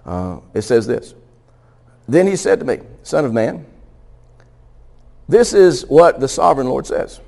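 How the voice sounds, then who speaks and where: A man's voice: medium pitch, big pitch swings, measured pace, vocal fry, pauses often, darkish tone. A man preaching a Bible teaching sermon in a conversational way. He laughs now and then and often stumbles and restarts his sentences. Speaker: pastor.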